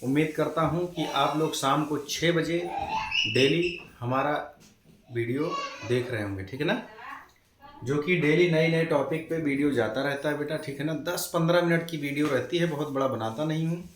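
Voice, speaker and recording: A man teaching a casual maths lesson to children, calling them beta, checking in often and slowing down to spell out numbers. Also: on the high side, a little hiss or hum. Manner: calls students beta, keeps asking "theek hai na". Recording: echoey room.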